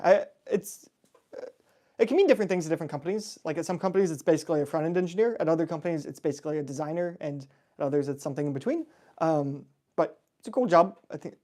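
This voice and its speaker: Relaxed chatty man with a mellow voice. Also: a little high. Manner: relaxed, chatty, laughs often, frequent "like" and "um". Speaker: host answering viewer chat. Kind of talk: casual livestream Q&A.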